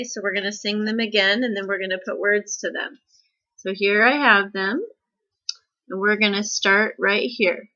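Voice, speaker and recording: A woman teaches a recorded music lesson, talking slowly and patiently and checking in often with her students. Her voice is bright and a little high. The recording sounds dull and lo-fi. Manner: patient, step-by-step explaining with frequent "okay?" checks.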